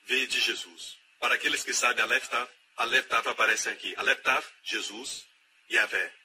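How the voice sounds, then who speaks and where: A man's voice: medium pitch, normal speed, background noise. A man preaching a sermon with emphatic delivery, repeating key phrases again and again and acting out the voices of the people he quotes.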